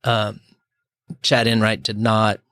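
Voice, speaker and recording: A man's voice: lowish voice, monotone, slow pace, a bit bright, no room sound, clean studio sound. A man hosting a conversational podcast, chatty and opinionated, asking long, winding questions of his guest. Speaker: podcast host. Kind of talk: conversational interview.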